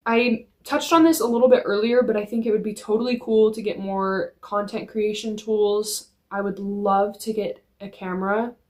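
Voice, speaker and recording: A woman's voice: medium pitch, fairly even intonation, normal speed, few pauses, darkish tone. A young woman talking to camera in a casual vlog, chatty and earnest with lots of "like", filmed on a phone on a tripod in a dim room at home. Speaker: vlogger. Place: dim room in her apartment.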